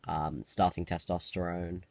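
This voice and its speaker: A man's voice: low-pitched, level tone, measured pace, gravelly, darkish tone, dry recording. A young man with a cold that makes the voice a bit harsh, giving a casual, rambling personal update in a hesitant, self-interrupting way. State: has a cold. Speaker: video diarist.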